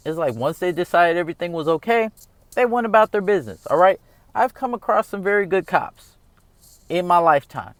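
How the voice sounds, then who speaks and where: A man's voice: high-pitched, animated, fairly quick, no echo. Earnest rambling man in his thirties. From United States. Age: 30s. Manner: earnest, rambling, emphatic, repeats "all right?". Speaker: vlogger. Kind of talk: casual opinion monologue.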